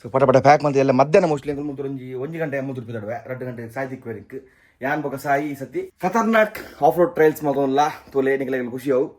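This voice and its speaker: A man's voice: mid-range voice, very fast, darkish tone. A man casually talking through his riding and camping gear for a vlog, showing items one by one. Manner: chatty, shows items one by one. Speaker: moto vlogger. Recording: faint background noise.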